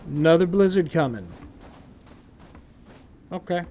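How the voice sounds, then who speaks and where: Man, game streamer, casual commentary, wry asides, lively pitch, slightly high voice. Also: a little slow, a little hiss or hum. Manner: wry, talks to himself, sarcastic asides.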